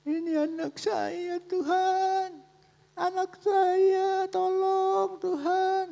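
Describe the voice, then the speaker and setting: A man's voice: flat delivery, drawn-out words, vocal fry, warm tone, full character voice. A man putting on a desperate, pleading young mother. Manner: high, strained, tearful crying out. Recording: echoey church hall.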